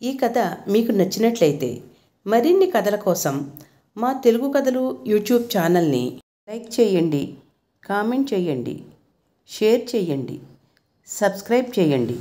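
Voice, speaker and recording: A woman reading a short story aloud in an expressive, measured narration. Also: mid-range voice.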